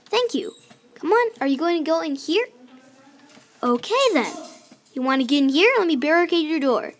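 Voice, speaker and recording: A young girl with a high, expressive voice chats casually at normal speed while playing a video game, scolding her villagers and describing what she builds. Faint clarinet music plays in the background.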